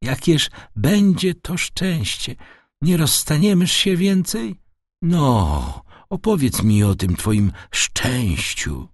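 A frail old father, as a male narrator puts him on, his voice thin, high and trembling. He speaks very slowly and gently, with a husky catch in the throat. The recording is close and dry. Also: very animated, no echo, exaggerated voice. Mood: shaken joy. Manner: quavering and slow, breaking into high tones. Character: frail, tender old father, aging man.

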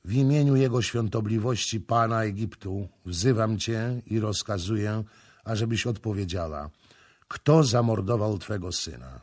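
A man reading a stern, commanding high priest. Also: unhurried, darkish tone, no echo, studio quality. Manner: commanding, solemn.

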